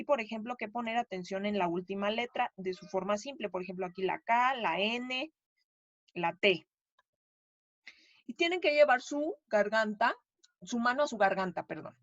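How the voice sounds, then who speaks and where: A woman's voice: on the high side, dry recording, highs cut off. A woman with a Mexican Spanish accent, explaining pronunciation to her class in a patient, chatty way and checking in often with her students. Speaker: English teacher.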